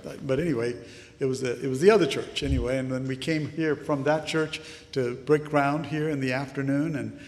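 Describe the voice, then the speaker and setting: An older pastor from Sri Lanka preaching in a church, rambling with many fillers and restarts. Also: male voice, medium pitch, fairly even intonation, brisk, a little mellow. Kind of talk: sermon. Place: church sanctuary. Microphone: handheld mic. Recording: long hall reverb.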